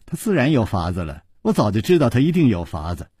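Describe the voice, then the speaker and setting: A man's voice: on the low side, sing-song, fast, darkish tone, slightly rough, no room sound, studio quality. A man voicing a playful, coquettish young princess in a dramatized story reading. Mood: teasing. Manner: coy, teasing.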